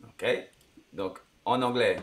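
A man's voice: on the low side, slow, fairly bright tone. A man teaching English words in a casual, patient way. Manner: patient, explaining, chuckles. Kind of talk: casual lesson.

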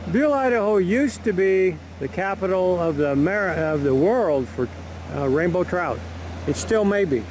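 A folksy, chatty man narrating his outdoor walk in a fairly high voice for a man. He is recorded on a camera mic outside, with plain background noise behind him. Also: lively intonation, normal speed. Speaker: vlogger filming a walk. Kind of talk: casual walking vlog narration. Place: outdoors by a river park.

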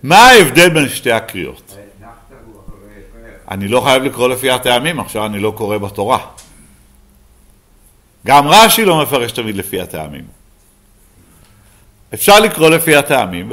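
A man's voice: mid-range voice, very animated, long pauses, fairly bright tone. A rabbi giving a Bible lesson to a live class, who keeps asking his listeners questions and then answering them himself.

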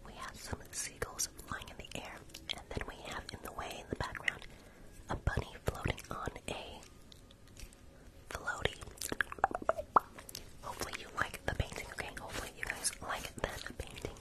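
A young man whispering softly and casually to viewers as an ASMR livestream host, close to the microphone in a small room. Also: normal speed, low-quality recording. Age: young adult. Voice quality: unvoiced whisper. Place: small bedroom, indoors. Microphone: close desktop microphone, sometimes with furry windscreen.

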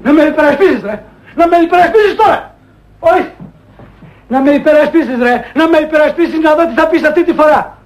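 An actor playing an enraged man who confronts a lawyer, shouting accusations. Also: very high voice, a little hiss or hum. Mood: furious. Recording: echoey room.

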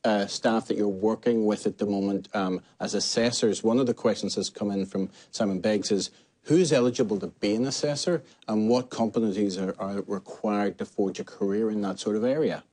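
An Australian man moderates a webinar panel with a fairly low voice. He asks questions hesitantly, with many fillers. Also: moderate pace, dark tone. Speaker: webinar facilitator.

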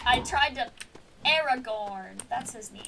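A woman's voice: a little high, measured pace, pushed and bright. Chatty young woman streamer, distant mic. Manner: chatty, amused, reacts aloud to game. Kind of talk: casual gaming commentary. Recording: distant mic with clear noise.

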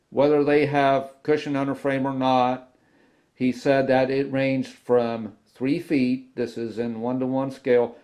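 A man talks slowly through a hobby tutorial at his workbench, pausing and restarting his sentences often. His voice sits at an ordinary middle pitch, and he sounds relaxed and unscripted. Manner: unhurried, halting, many restarts and fillers. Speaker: model railroad video host. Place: indoor workbench with model trains.

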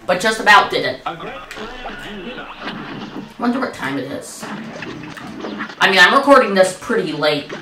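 A woman's voice: mid-range voice, expressive, slow pace, pauses often, background noise. A woman giving rambling, self-mocking commentary while she plays a video game. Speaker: gaming channel host. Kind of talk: gameplay commentary. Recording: echoey room, distant mic, game music. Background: game music.

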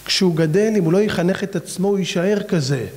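Rabbi guy preaching hard, pretty high voice, throws question after question at you, voice jumps all over. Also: a little mellow. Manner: fires off rhetorical questions with big pitch swings. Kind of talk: fiery sermon.

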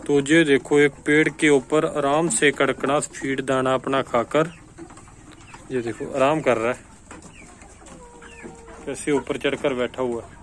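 A man's voice: mid-range voice, steady tone, unhurried, long pauses. A man with a Rajasthani Hindi accent, a poultry farmer who talks to viewers while walking his farm, filmed on a phone outdoors. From India. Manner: chatty, keeps addressing viewers, points things out. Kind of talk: casual farm walk-through vlog. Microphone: phone camera held by the filming speaker. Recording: faint outdoor background noise. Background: chickens and birds clucking.

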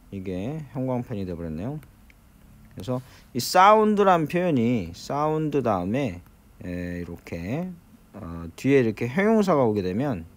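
A man with a Korean accent teaching English in a recorded lecture, explaining step by step and slowing down to repeat each English phrase. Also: mid-range voice.

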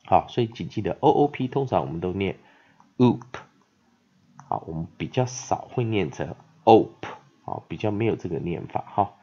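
A man teaching an English pronunciation lesson, sounding words out slowly and repeating them, with many filler sounds between phrases. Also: low voice, dark tone. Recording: dull lo-fi audio.

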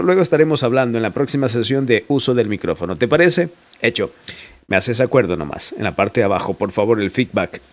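A man talks through an audio recording tutorial in a relaxed, chatty way. He keeps checking in with the listener and laughs easily, his voice sitting at an ordinary middle pitch close to the mic. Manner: chatty, asks listeners questions, laughs often. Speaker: audio editing instructor. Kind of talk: casual screen-recorded tutorial. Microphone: studio microphone at close range.

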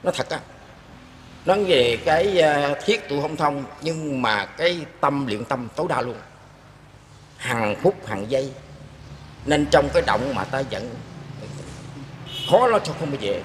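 A man's voice: medium pitch, lively intonation, unhurried, long pauses. An older man telling his own experience in an earnest, rambling way, often turning to address his listeners. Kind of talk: casual spoken storytelling. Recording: echoey room with long reverb and faint background noise.

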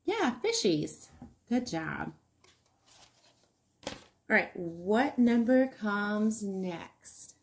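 Female preschool teacher for a kids' counting video. Unhurried, animated intonation, encouraging, pauses for the child to reply. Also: mid-range voice, slight background noise. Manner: encouraging, sing-song, pausing for answers. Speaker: early-years teacher hosting an online circle time. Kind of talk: child-directed counting lesson with questions to viewers.

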